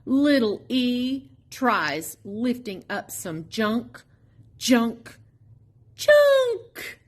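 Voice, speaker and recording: A woman reading a children's picture book aloud expressively, in a sing-song, drawn-out way with playful emphasis on sound words. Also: on the high side, big pitch swings. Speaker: storybook reader at a public library.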